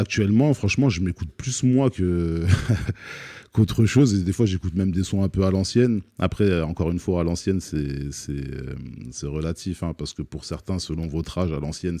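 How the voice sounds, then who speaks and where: A man's voice: low voice, normal speed, dark tone, no room sound, studio quality. A man in his thirties, a rapper answering questions on a live stream, hesitant with lots of fillers and restarts, joking now and then. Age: 30s. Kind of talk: relaxed live Q&A chat. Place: studio set.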